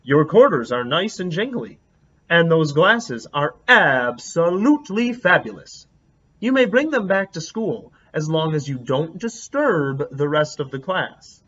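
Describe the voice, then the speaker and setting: A man voicing a kind, patient male schoolteacher who speaks gently and reassuringly. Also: a little high, big pitch swings, unhurried, breathy edge, exaggerated voice. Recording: dull lo-fi recording.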